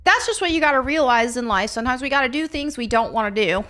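A woman's voice: high voice, expressive, fast talker, fairly bright tone. A young woman streaming, chatting casually and laughing often as she reads viewer messages aloud. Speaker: streamer reading chat. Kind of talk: casual live-stream chat.

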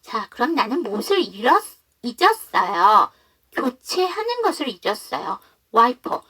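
A woman teaching an online English lesson who explains patiently and reads example sentences slowly. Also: fairly high pitch, big pitch swings, sharp tone, slightly rough.

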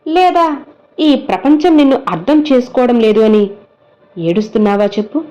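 A woman speaking as a gentle, fatherly male saint who consoles a crying devotee, with tender, coaxing questions. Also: on the high side, sing-song, moderate pace, highs cut off, voice pushed up. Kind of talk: devotional message spoken as the saint.

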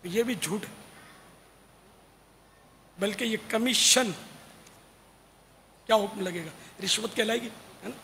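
A man's voice: sits high, creaky, long pauses, sharp tone. A man, a religious scholar, explaining and admonishing in a religious question-and-answer talk at a large gathering. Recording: long hall reverb, faint noise.

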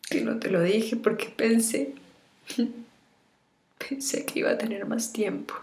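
An actress in her thirties playing a sorrowful woman in a dramatic farewell monologue to her lover, tearful and halting, often breaking into whispers. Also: on the high side, gravelly, darkish tone. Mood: tearful grief. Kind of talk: dramatic monologue, acted farewell video message. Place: small bare indoor room. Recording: roomy echo of a bare room.

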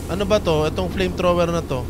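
A young man from the Philippines doing casual let's-play commentary, taunting and yelling at the game and swearing as he plays. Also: high voice, steady tone, fast, noisy background. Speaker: gaming video host. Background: loud game music.

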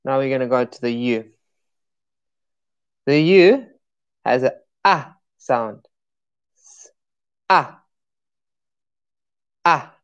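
Slow, low-voiced woman teaching vowel sounds. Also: expressive, clear, resonant tone, dull audio. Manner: slow, drawn-out sounding of letters and words; encouraging, asks viewers to repeat along. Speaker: English pronunciation teacher. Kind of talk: live-streamed phonics lesson.

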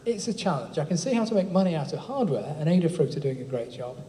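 A man's voice: on the high side, very animated, fast talker, dark tone. A man giving an informal, chatty tech talk at a live event, with frequent ums and tag questions. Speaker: speaker presenting a project. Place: large echoey hall. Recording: echoey hall, faint room noise.

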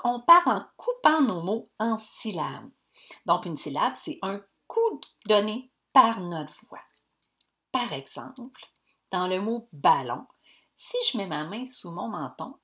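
A woman, teaching young pupils in a slow, clear, encouraging way. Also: medium pitch, a bit bright. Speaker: primary school teacher. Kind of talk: recorded lesson for young pupils.

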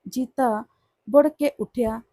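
A woman reads a family story aloud in a steady, even way. her voice sits a little high but sounds mellow and warm. the recording is dry and close, with no room sound. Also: slow pace, no echo. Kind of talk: scripted audio story narration.

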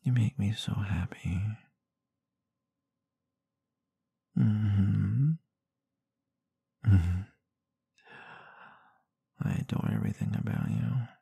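A man playing a tender, protective, gently dominant boyfriend in an intimate ASMR role-play, murmuring breathy, husky reassurance with soft hums, close to the microphone. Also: on the low side, no room sound, heavily acted. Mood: tender, adoring. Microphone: close microphone in a dry space.

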